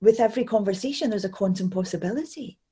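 Woman host with a mellow, dark tone, reflective and agreeable in relaxed conversation. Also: mid-range voice, fast talker. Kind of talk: casual chat.

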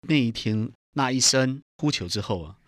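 A man's voice: medium pitch, animated, normal speed, fairly bright tone, dry recording, clean studio sound. A middle-aged man earnestly telling his personal testimony in an interview. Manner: earnest storytelling, acts out quoted voices. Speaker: guest giving testimony.

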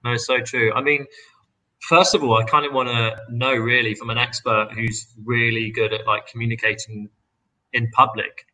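Male host for a casual interview; very bright, crisp tone, mid pitch; friendly, rambling questions. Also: level tone, normal speed, rough recording. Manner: friendly, loose questions with fillers.

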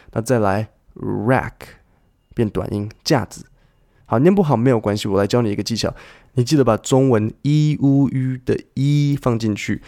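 A man with a Taiwanese Mandarin accent hosts a casual podcast lesson on pronunciation. His voice sits at a middle pitch. He walks through each vowel patiently and drags out the sounds he models. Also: mellow. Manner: demonstrates sounds with slow, stretched repetition. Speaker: podcast host teaching English pronunciation.

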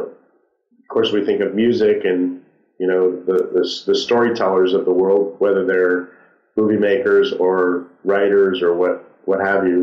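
A man's voice comes through muffled, as if from the other side of a wall, with a dull, lo-fi tone and a roomy echo around it. He speaks low and thoughtfully, pausing often and leaning on fillers as he answers interview questions. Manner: halting, thoughtful, many fillers. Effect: muffled, as if heard through a wall. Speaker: entrepreneur guest.

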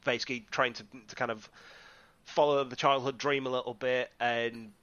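A man's voice: medium pitch, level tone, normal speed, a bit bright, clear, resonant tone, highs cut off. A man, chatting casually and self-deprecatingly as a podcast guest. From northeast England. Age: 30s. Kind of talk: casual chat.

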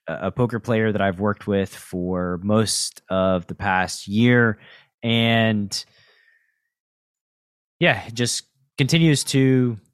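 A man hosting a conversational podcast interview, talking in a reflective, halting way. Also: fairly low pitch, clean tone, no echo, studio quality. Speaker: podcast host.

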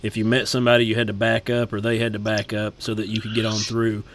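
A man's voice: fairly low pitch, monotone, fast talker, slight background noise. A middle-aged man with an Appalachian accent, chatting casually as a host in a folksy, joking way. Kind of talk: casual chat.

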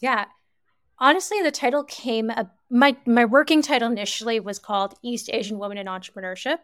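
A woman from Canada, an author guest, telling her story in a lively, chatty way with fillers. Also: a little high, brisk, no room sound, studio quality. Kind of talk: casual interview talk.

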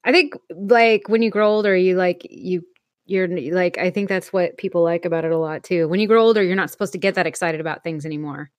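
A woman's voice: on the low side, fairly quick, no room sound. A woman co-hosting a podcast, chatting casually and enthusiastically. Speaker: podcast co-host. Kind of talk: casual chat.

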